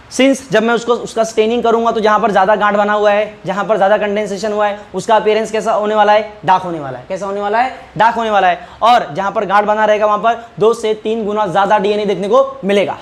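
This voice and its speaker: A man's voice: sits high, steady tone, fast talker. A male teacher giving an online class lecture. He asks questions, answers them himself, repeats key terms and keeps checking whether the class has understood. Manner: checks understanding often with rhetorical prompts. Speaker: biology teacher.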